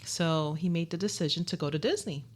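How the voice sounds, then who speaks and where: A woman's voice: sits low, fairly quick, husky. A woman in her forties from Puerto Rico, a guest chatting casually on a podcast, playful and teasing. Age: 40s. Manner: playful, teasing, laughs easily. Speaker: podcast guest, host's wife.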